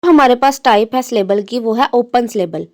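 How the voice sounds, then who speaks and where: A woman with a slightly high voice teaches in a patient classroom manner. She stretches example words out slowly and weaves English terms into her explanations. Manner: mixes English terms into Hindi-Urdu speech.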